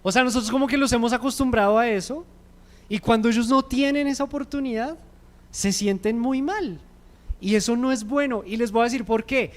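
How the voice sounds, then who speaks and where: A man with a high voice teaches a parents' class at a church service. He keeps asking the congregation questions as he preaches. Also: fairly quick. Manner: asks the audience frequent questions.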